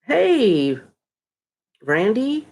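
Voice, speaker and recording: Very slow and creaky, with huge swings in a fairly high pitch, a middle-aged Texan woman speaks in a slightly mellow but nasal, stuffed-up voice from her congested nose. During a live stream at home, she casually reads viewer comments and greets people by name.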